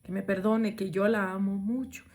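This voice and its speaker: A woman's voice: medium pitch, fairly even intonation, moderate pace, a little mellow, natural voice. A woman quoting a sad, lonely little girl in a plaintive, pleading way, close to her own voice.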